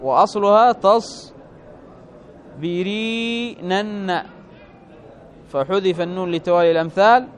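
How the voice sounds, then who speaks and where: A man teaching an Arabic grammar lesson to a class, asking questions and stretching out his examples. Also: high-pitched. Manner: questioning, drawn-out stresses on examples.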